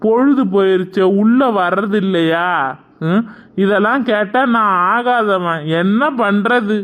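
A man's voice: sits high, slow pace, fairly bright tone. A man voicing an adult son in a cartoon who grumbles about his mother and keeps asking "hm?". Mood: grumbling. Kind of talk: cartoon voice acting.

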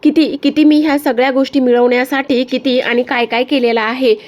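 A woman's voice: high-pitched, flat delivery, brisk, a little mellow, lightly acted. A woman reading the lines of a scheming young woman who means to seize a family's wealth, in a defiant, mocking way. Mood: gloating.

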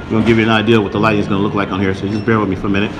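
Fairly low-pitched and barely varying, his rapid-fire delivery runs over background music. A forties-aged vlogger chats loosely through his streaming equipment, repeating himself, with a camera-mounted mic (handheld, then on a tripod) picking up a noisy coffee shop at night.

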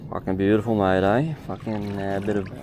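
A man's voice: on the low side, brisk. Sweary young Australian man on a lake. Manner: sweary and laid-back. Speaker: vlogger. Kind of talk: casual chat while night fishing. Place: outdoors on a lake at night. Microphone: head-mounted action camera. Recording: outdoor camera with steady background noise.

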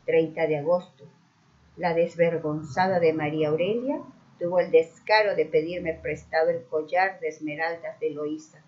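A woman narrating a children's mystery story aloud, expressive and acting out the dialogue. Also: deep voice, normal speed. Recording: dull muffled recording.

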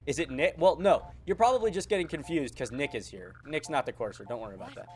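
A man's voice: on the high side, animated, fast talker, husky. A man casually commentating his gameplay, joking, swearing and rambling to his viewers. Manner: jokey, profane, rambling, talks to viewers. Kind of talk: casual let's-play commentary.

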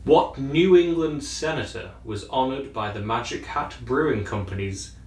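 A man's voice: mid-range voice, lively intonation, normal speed, recorded from a distance. Male quizmaster in an echoey room. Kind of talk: reading trivia questions aloud.

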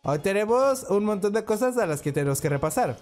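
A man's voice: high voice, animated, brisk, darkish tone, faint music behind. A man reading the lines of a shy, flustered female lizard teacher from a video game.

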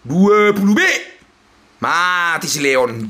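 Loud young guy with yelling over a slot game, high bright voice jumping all over. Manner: loud, shouting and exclaiming, jumpy swings between yelling and muttering. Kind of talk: excited live commentary on a slot game.

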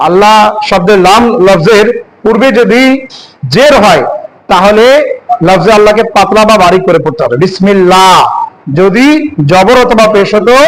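Guy teaching quran letters, high voice, asks then answers himself, bit of hiss behind. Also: rough recording. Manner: asks questions and answers them, drawn-out recitation. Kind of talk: classroom lesson on Arabic letters.

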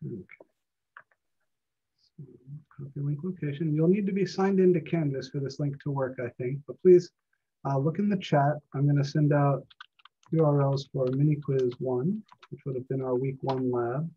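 A man teaching a college math class live online from home, relaxed and encouraging, with many fillers. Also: a little high, normal speed, slightly rough. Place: home, on a video call. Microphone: computer mic on a video call. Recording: dull lo-fi video call audio.

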